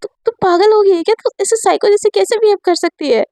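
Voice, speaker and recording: A woman's voice: extremely high pitch, fast, warm tone, no room sound, studio quality, voice pushed up. A woman voicing a hurt, upset young woman in a spoken story, answering in a curt, dismissive way.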